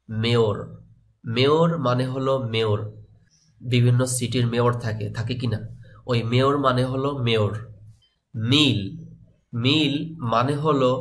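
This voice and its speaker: A man with a Bangladeshi Bengali accent teaches vocabulary, drilling each word and its meaning back and forth. He talks to his viewers directly and casually. His voice sits at an ordinary middle pitch. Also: a bit bright. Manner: repeats each word both ways in drill fashion. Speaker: English teacher. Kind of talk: vocabulary lesson.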